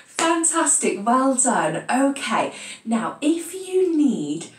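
A British woman music teacher leading a children's lesson, encouraging them and chanting a rhyme in a slow, steady beat. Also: sits high, a little hiss or hum. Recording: echoey room from a distance.

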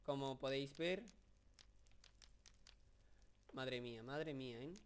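A young man with a Spain Spanish accent giving casual, rambling video game commentary, joking and excitable, with many fillers. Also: medium pitch, normal speed, smooth. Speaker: gameplay commentator.

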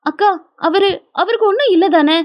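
A woman's voice: high voice, lively intonation, moderate pace, no echo, muffled recording. A woman voicing a distraught young wife who speaks in a trembling, frantic, pleading way, in a dry storybook recording.

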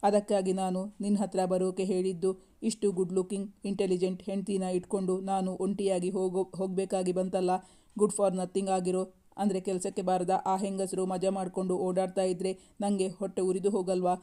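A young husband coaxes his wife in a flat, deeply mellow voice, read out by the storyteller. He pleads tenderly and keeps his tone affectionate. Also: a little fast, lightly acted. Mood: coaxing. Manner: coaxing, affectionate.

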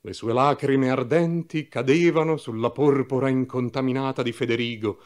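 A man's voice: medium pitch, fairly even intonation, normal speed, a little mellow. Man narrating solemnly. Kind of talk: literary audiobook reading.

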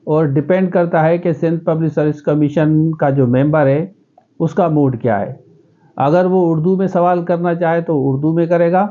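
A middle-aged educationist from Pakistan, a native Sindhi speaker with a Sindhi accent, gives earnest advice straight to camera from a small room in a vlog. His voice is a little high, the sound is phone-quality, and he gestures with both hands.

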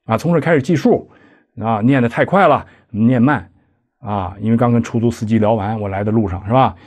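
A man lecturing on an old text, reading out each line and then explaining it in everyday words. His voice is mellow and slightly husky. He keeps turning to his listeners with questions as he talks. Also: medium pitch, a little fast. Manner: explains line by line with conversational asides and rhetorical questions. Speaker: lecturer on Buddhist practice. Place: lecture hall.

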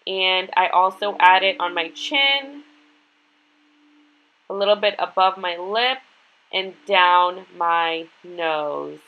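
A woman's voice: on the low side, slow pace, narrow, tinny audio. A woman in her twenties with a stuffed-up, nasal whine from being sick, giving a casual makeup tutorial. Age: 20s. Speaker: beauty vlogger. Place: small bedroom, indoors.

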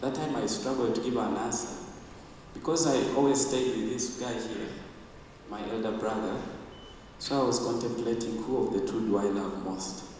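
A young man with a Ugandan accent, giving a halting eulogy for his grandmother into a handheld mic in a church. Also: mid-range voice, steady tone, darkish tone, a little hiss or hum. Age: young adult. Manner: halting, searching for words. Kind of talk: funeral eulogy. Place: church hall. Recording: echoey church from far off.

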